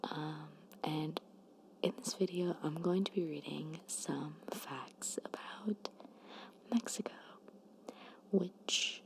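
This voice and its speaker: A soft-spoken woman doing ASMR in a breathy, slightly hoarse near-whisper, chatting hesitantly and informally. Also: sits low, takes it slowly, slight background noise. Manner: hesitant, self-conscious, informal. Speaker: ASMR creator. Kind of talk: soft-spoken ASMR, rambling chat and reading facts. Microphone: microphone at close to moderate distance.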